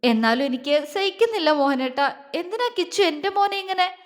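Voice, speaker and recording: A woman's voice: high voice, lively intonation, brisk, fairly bright tone, big-room sound. A woman voicing a worried, doting middle-aged mother who frets over her children. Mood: upset.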